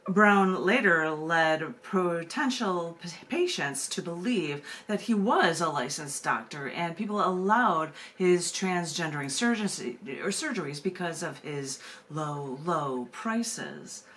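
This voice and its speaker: This open mic host and poet, speaking on a video call, alternates between casual conversation and reading her poetry in a narrative style. Her lowish voice is expressive and a bit bright, slow yet with hardly any pauses, and the room sound is noisy.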